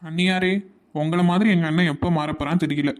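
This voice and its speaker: A man's voice: a little high, fairly even intonation, quick pace, lightly acted. A voice actor playing a cheeky, carefree young man who teases his brother in a Tamil cartoon. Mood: teasing. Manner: playful and teasing.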